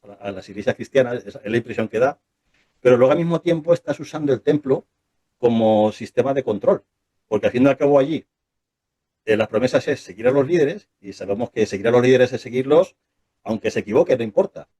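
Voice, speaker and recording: A man talking as an interview guest in a casual conversation, fast and animated, full of restarts and rhetorical questions. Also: medium pitch. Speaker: interview guest, former church member.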